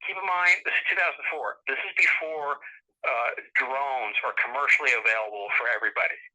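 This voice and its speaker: Bright-voiced middle-aged man telling a story. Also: mid-range voice, brisk, low-quality recording. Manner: animated, chuckling, frequent restarts. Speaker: guest author. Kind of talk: casual storytelling interview.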